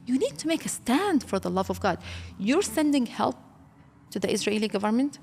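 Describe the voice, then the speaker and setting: In an emotional interview, a middle-aged woman who grew up in Kuwait grows more and more impassioned until she bursts out emphatically. She sounds very animated, her voice a little high and darkish at normal speed, recorded in a long reverberant hall with slight hiss or hum.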